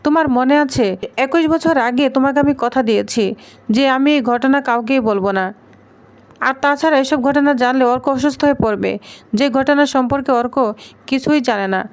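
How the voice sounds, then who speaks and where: A woman's voice: sits high, a little fast, clean tone. A woman reading the lines of a guarded, worried young man in a serial recap.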